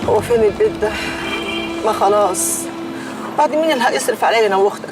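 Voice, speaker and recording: A woman's voice: mid-range voice, fast, close to an everyday voice. An actress with an Egyptian accent playing a weary, defensive mother. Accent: Egyptian Arabic. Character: weary mother selling by a mosque, middle-aged. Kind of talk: TV series acting. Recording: drama music behind.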